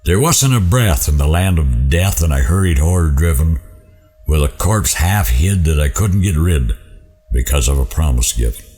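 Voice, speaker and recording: A man recites narrative verse in a folksy cowboy drawl. His voice is very deep and rough with huskiness. The delivery is theatrical and highly varied, rising and dropping through each rhymed line like a seasoned storyteller. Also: lively intonation, moderate pace, dark tone. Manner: dramatic storytelling with swelling and falling lines. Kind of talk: dramatic rhymed poetry recitation.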